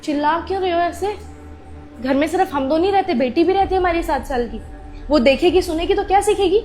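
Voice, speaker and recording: A woman acting as a young mother of a seven-year-old girl, scolding loudly at times and speaking gently at others, in a family drama skit. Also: extremely high pitch, a little fast, soft background music. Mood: pleading.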